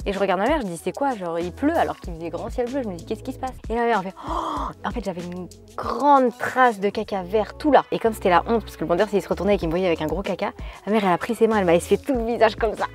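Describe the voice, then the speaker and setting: A woman vlogger chatting casually, reading out viewers' stories and reacting to each one in an animated way. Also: mid-range voice.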